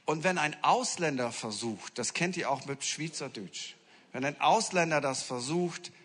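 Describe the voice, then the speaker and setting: A man preaching a sermon as a pastor, telling stories in a lively, humorous way with acted-out quotes. He moves between hushed asides and sudden loud exclamations. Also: a little high, a little slow, slightly rough. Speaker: senior pastor. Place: church hall. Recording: long reverb of a large hall.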